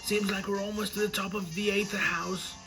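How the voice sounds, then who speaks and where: A man voicing a cheerful, chatty teenage boy from a video game, musing out loud. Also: sits high, little pitch movement, brisk, over music, pitched above the performer's own voice.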